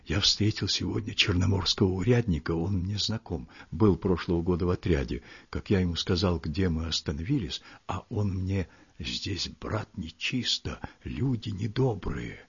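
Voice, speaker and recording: A man reading a story, voicing a frightened cossack servant who speaks in a hushed, secretive whisper with a husky voice. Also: sits low, sing-song, unhurried, few pauses, full character voice. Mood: fearful whisper. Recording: muffled lo-fi recording.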